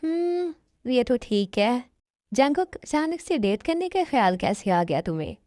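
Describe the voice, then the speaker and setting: A woman voicing a calm young woman on a date in an amateur dubbed love story, giving poetic advice. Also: on the high side, a little slow, no room sound, studio quality. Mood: curious. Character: young woman on a date, wise and self-sacrificing.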